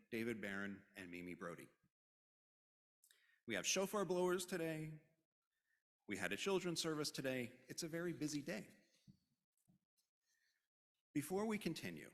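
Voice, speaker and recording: Service leader, male, mid-pitched, wry asides while giving announcements, worship-hall reverb. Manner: joking, informal asides. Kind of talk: conversational announcements at a religious service.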